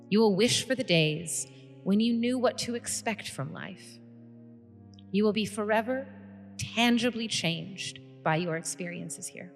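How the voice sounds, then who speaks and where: A woman's voice: fairly high pitch, voice pushed up, lightly acted. A woman voicing a grand female guild leader who gives a ceremonious, commanding speech in a tabletop game. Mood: rousing. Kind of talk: tabletop game role-play. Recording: long reverb, faint music behind.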